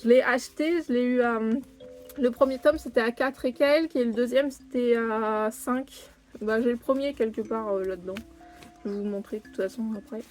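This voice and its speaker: A young woman talks her way through an unboxing at home in a fairly high voice. She rambles, cuts herself off and tacks little fillers onto her sentences. Faint music plays underneath. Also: moderate pace, darkish tone. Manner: chatty, rambling, self-interrupting with many "hein". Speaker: manga collector vlogger. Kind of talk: casual unboxing chat to camera. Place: home room near her desk.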